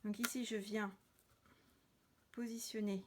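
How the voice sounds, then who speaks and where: In a casual craft demonstration, a woman hosts a card-making tutorial, chatting as she works and hesitating often with lots of fillers. Her voice is mid-range with little pitch movement and a slow pace, and there's a faint hiss or hum.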